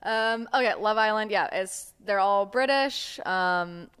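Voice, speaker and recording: A woman's voice: medium pitch, unhurried, a bit bright, clean tone. A woman co-hosting a podcast in easygoing casual chat, explaining things at length with many "like" and "um" fillers. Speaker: podcast co-host.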